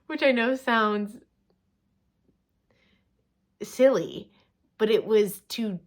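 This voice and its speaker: A young woman telling a personal story in a casual, chatty way, full of fillers and quick asides. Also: a little high, wildly swooping pitch.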